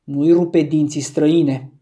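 A man voicing a rough, threatening dog owner who speaks in a slow drawl, in an audiobook reading. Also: on the high side, warm tone, lightly acted.

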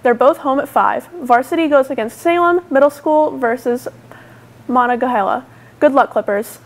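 High-pitched teenage American girl reading announcements. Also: normal speed. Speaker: student news anchor. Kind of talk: scripted school announcements. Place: indoor school studio before a curtain. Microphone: lapel mic.

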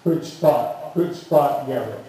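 A horse riding coach with a dark-toned, mid-range voice speaks slowly, issuing clipped, emphatic directions and repeated brief commands during a show jumping clinic. He's captured by a distant side camera in a large indoor covered arena, so the sound is echoey with some noise.

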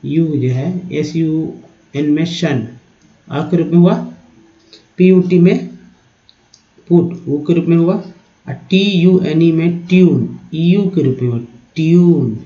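A man's voice: a little high, dark tone, roomy sound, highs cut off. A man teaching English spelling and pronunciation to viewers, spelling out letters one by one and repeating each word. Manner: spells out letters slowly, repeats words, addresses viewers as friends. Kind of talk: explaining spelling and pronunciation step by step.

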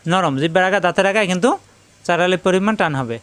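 A man's voice: sits high, fast, fairly bright tone, clean tone, dry recording. A man teaching Quran letter pronunciation, spelling each letter out and repeating it for his students. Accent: Bangladeshi Bengali. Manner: addresses students directly.

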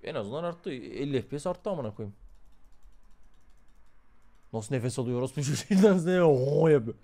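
A man's voice: medium pitch, animated, normal speed, dark tone. A young man streaming a game live, swearing constantly and talking to his chat. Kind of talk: live gameplay commentary.

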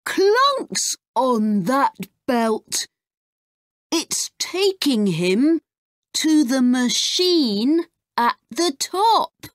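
Worried young boy from a storybook, slow and earnest, raised pitch, voiced by a woman reader. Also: big pitch swings, no echo, studio quality, heavily acted.

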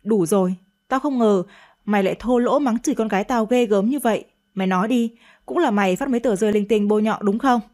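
A woman's voice: medium pitch, fast, darkish tone, lightly acted. A woman reading a radio story, voicing a stern, angry elderly father who scolds his daughter harshly. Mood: scolding.

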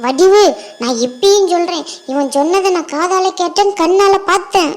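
A woman's voice: extremely high pitch, normal speed. A woman voicing a stubborn village gossip who keeps insisting she is telling the truth, in a homemade cartoon. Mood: insistent. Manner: insistent, repeating herself.

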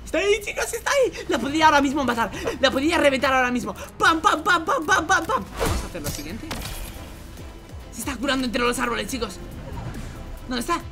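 A young man from Spain with a Spanish accent, doing excited gameplay commentary, going from hushed whispers to shouts and repeating himself rapidly. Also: very high-pitched. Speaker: gaming YouTuber. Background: music.

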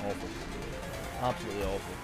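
A man's voice: lowish voice, steady tone, fast talker. A man in his twenties giving casual, exasperated, complaining commentary as he streams online slots. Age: 20s. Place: indoor room at a streaming setup. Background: game music.

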